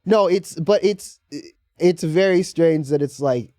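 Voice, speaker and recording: A man hosting a podcast in casual chat, telling stories with animated, laughing impressions of the people in them. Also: on the high side, a little slow, dry recording, clean studio sound. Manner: animated storytelling, acting out quoted people with laughs. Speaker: podcast host.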